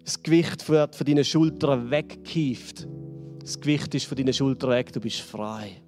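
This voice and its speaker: A man with a Swiss German accent preaching a sermon, building dramatically and then dropping to hushed lines. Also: steady tone, moderate pace, long reverb tail, soft background music. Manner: dramatic, swells and drops in pitch and volume. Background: band playing softly.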